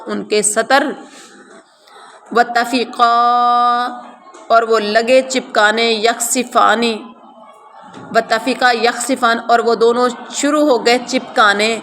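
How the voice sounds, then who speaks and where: A woman with a Pakistani Urdu accent teaching a Quran lesson, reciting verses slowly and then explaining each one in plain conversational words. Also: a little high, fairly bright tone, in a large hall, a little hiss or hum. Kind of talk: word-by-word translation lesson. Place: room with noise heard from outside.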